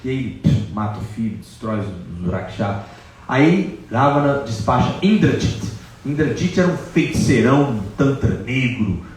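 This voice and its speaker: A man giving a devotional storytelling lecture at a religious celebration, telling the tale in an animated, dramatic way. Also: medium pitch. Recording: echoey hall from far off.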